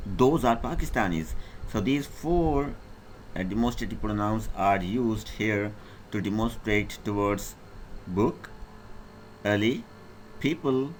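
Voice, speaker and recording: A man gives an English grammar lesson in a slow, careful pace and a somewhat low voice. He reads out each definition and then explains it again in his own words, stepping through word lists and example sentences one at a time. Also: lively intonation, a little hiss or hum. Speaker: English teacher.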